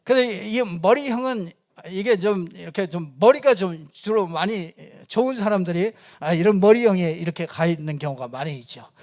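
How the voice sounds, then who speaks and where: Man preaching from a church pulpit, high-pitched voice, chatty, animated, lots of fillers, chuckles between points. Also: normal speed, few pauses. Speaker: pastor. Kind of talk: conversational sermon.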